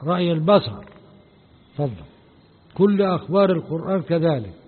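An Egyptian man leads a religious lesson, speaking in a fairly high voice. He explains at a deliberate pace, asking his listeners questions and then answering them. The sound is thin and phone-like, with a long hall echo trailing behind his words. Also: very animated. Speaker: sheikh teaching a Quran commentary.

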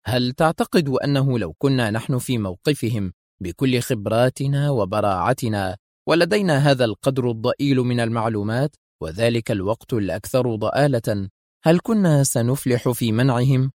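Guy doing a testy spy officer, sharp and insistent, dry close sound. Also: mid-range voice, animated, moderate pace, no room sound, lightly acted. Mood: firm, agitated. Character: irritable male intelligence officer, defensive and firm.

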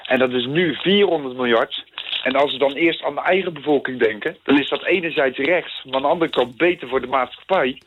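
A man's voice: medium pitch, brisk. A man from the Netherlands calling in to a radio show over a landline phone, arguing his views earnestly. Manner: opinionated, earnest debating. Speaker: caller. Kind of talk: call-in radio chat. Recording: tinny phone line with faint hiss.

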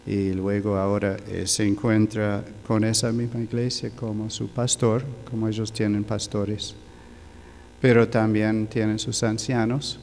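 An older man giving a sermon, telling a personal story in a slow, halting way with many fillers. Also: fairly low pitch, flat delivery, darkish tone, long reverb tail, slight background noise. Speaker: preacher. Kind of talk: sermon testimony.

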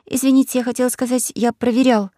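A man's voice: extremely high pitch, level tone, fast talker, dark tone, dry recording, clean studio sound, voice pushed up. A man voicing a young girl disguised as a boy in an audiobook, correcting herself in a fluster.

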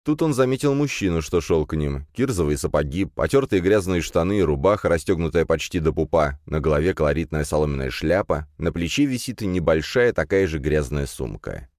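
A man reading an audiobook with steady storytelling narration. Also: very deep voice, fairly quick, few pauses, dry recording, clean studio sound.

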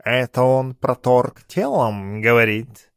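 Man voicing a huge grumpy cat guardian, slow, gruff, disdainful, storybook. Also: mid-range voice, lively intonation, no echo, clean studio sound.

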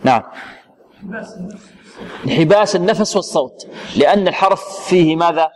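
A man teaching Quran recitation rules, quizzing his students and answering his own questions with halting restarts. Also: on the high side, in a large hall, slight background noise. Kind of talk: tajweed lesson with questions to students.

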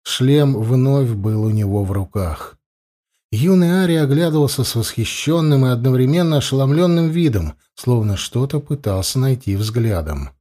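A man reading a fantasy novel aloud as an audiobook narrator, calm and measured. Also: mid-range voice. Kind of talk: scripted narration.

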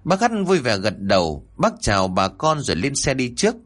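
A man narrating a ghost story in an expressive, dramatic storytelling manner. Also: mid-range voice, normal speed. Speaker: horror storyteller.

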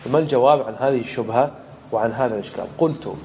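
A man's voice: mid-range voice, rapid-fire, dark tone, highs cut off, slight background noise. A man, a sheikh, teaching an Arabic grammar lesson to students and explaining each point step by step. He puts questions to the class and then answers them himself. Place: lecture room with students present.

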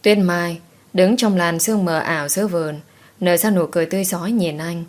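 A woman narrating a romance audiobook in a calm, steady, measured reading. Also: on the low side.

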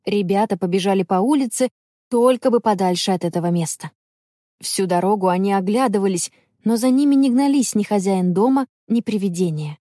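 A woman telling a children's story in measured, expressive audiobook narration. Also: mid-range voice, no echo, clean studio sound.

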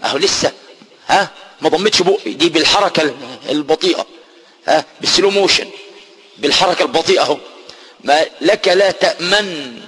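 A man with an Egyptian accent teaching a lesson on Quran recitation, explaining patiently and slowing down to chant the verses. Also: fairly high pitch, a bit bright.

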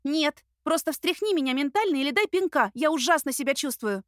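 A woman doing a panicky, high-strung young woman. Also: lively intonation, no echo, studio quality. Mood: anxious. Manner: agitated, breathless, rapid complaints. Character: anxious young woman, flustered and sharp-tongued.

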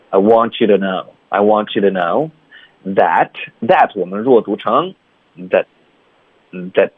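A man teaching English pronunciation in Chinese, mixing in English and slowly repeating phrases sound by sound. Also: fairly low pitch, breathy edge, no room sound, phone-quality sound. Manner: breaks sentences into sounds and repeats them slowly.

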